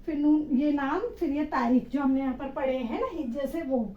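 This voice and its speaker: A woman's voice: high voice, fairly quick, roomy sound, highs cut off. A woman teaching an Urdu spelling lesson, patiently sounding out each letter and syllable.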